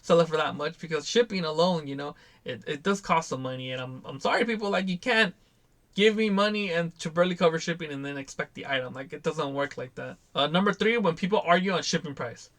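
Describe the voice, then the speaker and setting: A man's voice: a little high, quick pace, a bit bright. Exasperated man ranting about buyers. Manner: exasperated, acts out buyers in quoted voices. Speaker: toy seller and channel host. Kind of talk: casual vlog rant.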